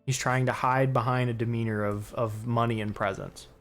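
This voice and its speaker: Male game master, mid-pitched, descriptive scene narration with lots of filler words. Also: level tone, normal speed, fairly bright tone.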